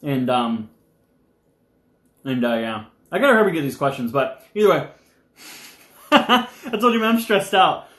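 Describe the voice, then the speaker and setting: A young man with a slightly high voice chats loosely on a live stream, rambling from point to point with animated energy. He sometimes talks through a mouthful of food. The sound bounces around an echoey room. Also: measured pace, long pauses. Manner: rambling, animated, eating while talking. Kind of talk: casual live-stream chat.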